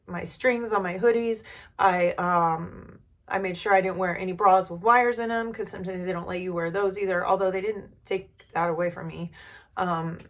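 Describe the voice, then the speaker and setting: A woman talking candidly to the camera in a casual personal vlog, rambling with many fillers and restarts. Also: on the low side. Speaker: vlogger.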